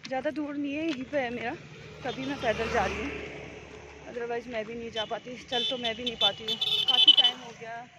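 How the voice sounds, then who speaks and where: High-voiced chatty woman vlogging outdoors. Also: animated, fairly quick. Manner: chatty, teasing, talks to the camera while walking. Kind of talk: casual walking vlog chat. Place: outdoors on a village road. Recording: noisy outdoor street sound.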